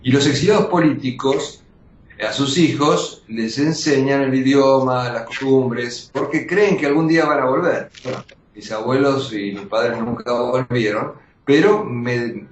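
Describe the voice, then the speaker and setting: An older man with an Argentine Spanish accent, a journalist answering interview questions emphatically, with measured pauses and restarts. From born in Austria to Russian parents. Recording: roomy, dull lo-fi audio with faint rumble.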